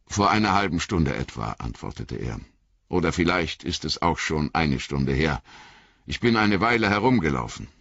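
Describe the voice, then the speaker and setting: A proud warrior man, troubled and halting, voiced by a man reading the book, with a husky, low voice. The delivery is dry and close. The audio is slightly dull. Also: big pitch swings, fairly bright tone, dry recording, heavily acted. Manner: hesitant, halting.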